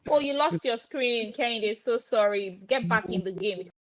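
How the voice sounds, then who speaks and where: A woman's voice: a little high, lively intonation, moderate pace, lo-fi sound. A woman co-hosting an online quiz over a video call, chatty and teasing the players. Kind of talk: casual banter on an online quiz.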